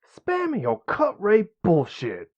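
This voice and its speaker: A man's voice: high-pitched, huge pitch swings, slow, lo-fi sound, voice pushed up, full character voice. A man voicing a raging mercenary liaison. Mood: furious. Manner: shouting, spitting insults. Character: furious loud male mercenary liaison.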